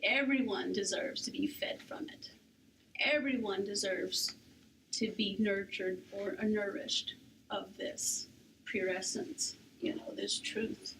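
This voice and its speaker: Soft, breathy middle-aged woman on a panel. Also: mid-range voice. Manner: soft-spoken, often breathy and whispery. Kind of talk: reflective panel talk. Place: room at a healing arts center. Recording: distant mic with faint background noise.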